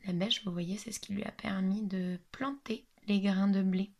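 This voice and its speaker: A woman, a teacher, reading a picture book aloud to young children with lively storytelling, dropping at times to a whisper and explaining words. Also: medium pitch, measured pace, vocal fry.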